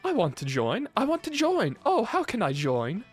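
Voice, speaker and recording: A man's voice: sits high, wildly swooping pitch, normal speed, slightly rough, soft background music, pitched above the performer's own voice, full character voice. A man voicing a haughty, cheery young princess who gushes with wonder. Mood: haughty cheer. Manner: gushing, wonder-struck.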